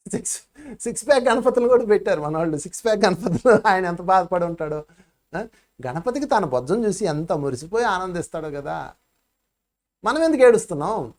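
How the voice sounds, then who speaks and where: Animated fifty-something meditation teacher. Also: male voice, high-pitched, a little fast. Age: 50s. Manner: animated storytelling with sharp swings in loudness. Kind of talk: spiritual talk.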